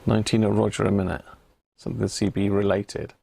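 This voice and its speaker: Brisk and level, this lowish male voice is creaky and mellow with a breathy edge, captured in a dry recording. It belongs to a British CB radio hobbyist hosting a casual livestream from an indoor radio room, rambling and thinking aloud with chummy remarks to viewers.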